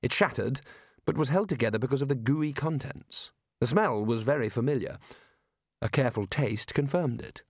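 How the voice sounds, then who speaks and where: A man narrating an audiobook in a measured storytelling way. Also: mid-range voice, darkish tone, slightly rough, dry recording, clean studio sound. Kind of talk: scripted narration.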